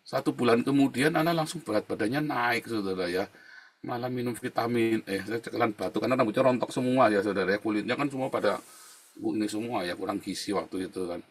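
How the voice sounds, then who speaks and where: Husky middle-aged pastor guy preaching casual, keeps going "saudara ya", gets loud and worked up. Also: medium pitch. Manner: chatty storytelling, often adds "saudara ya"; rises to loud indignant emphasis. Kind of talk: informal sermon.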